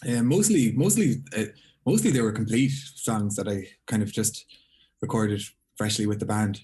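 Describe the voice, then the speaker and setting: A man's voice: fairly low pitch, normal speed, mellow. A young man from Galway with a west of Ireland accent, chatting casually and informally as a songwriter being interviewed. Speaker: singer-songwriter, interview guest.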